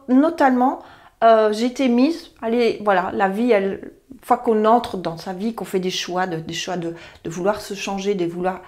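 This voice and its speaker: Woman, late fifties, therapy practitioner, earnest, rambling, self-correcting, mid-pitched. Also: darkish tone. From Belgium. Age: 50s. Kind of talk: personal talk to camera.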